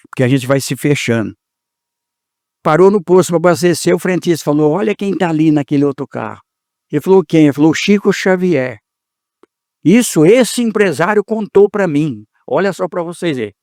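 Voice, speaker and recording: A man's voice: on the high side, a little mellow, no room sound, clean studio sound. A man from Brazil giving an informal, heartfelt talk at a spiritist meeting, telling stories with quoted dialogue. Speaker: speaker at a spiritist center.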